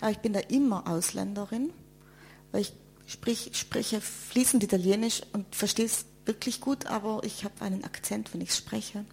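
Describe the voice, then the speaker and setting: This panel guest from South Tyrol, Italy, has a gravelly voice at medium pitch and speaks at a normal speed in a casual discussion. She's lively, and she repeats words while searching for the right ones.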